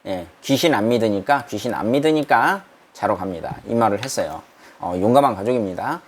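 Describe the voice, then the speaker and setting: A man's voice: lowish voice, expressive, a little hiss or hum. Man teaching an English reading lesson. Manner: reads English lines slowly, then explains them in Korean with questions to the class. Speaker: English lecturer. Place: small room, not a studio.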